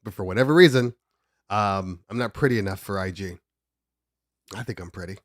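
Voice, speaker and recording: A man chats on a casual livestream from his home studio desk, speaking fairly quickly at a fairly low pitch, congested from having just woken up. As the DJ host, he rambles, jokes and interrupts himself, in a dry, studio-quality recording.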